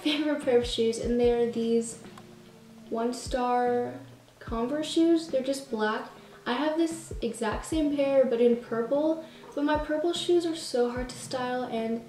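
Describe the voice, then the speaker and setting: Teenage girl, bubbly haul chat, self-mocking jokes, slightly high mellow voice, roomy echo, off-mic. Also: recorded from a distance. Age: teens. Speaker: vlogger. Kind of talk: casual try-on haul chat.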